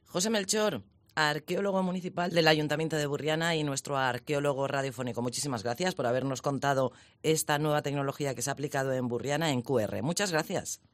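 A man's voice: on the high side, fairly even intonation, a little fast, no room sound. A man hosting a radio show, interviewing guests in a friendly conversational way in the studio. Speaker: radio host.

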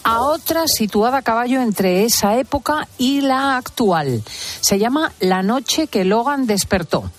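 A woman's voice: fairly high pitch, animated, a little slow. A woman presenting a conversational review show and introducing each series.

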